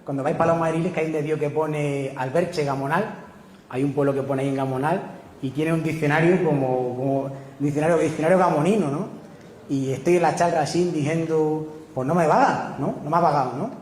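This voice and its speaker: A man's voice: a little high, brisk, a little mellow, slight background noise. A man giving a public talk, telling anecdotes and keeping checking in with the audience. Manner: storytelling, keeps asking "¿no?" to the audience. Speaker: speaker at a public talk on local speech. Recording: echoey hall, faint room ambience.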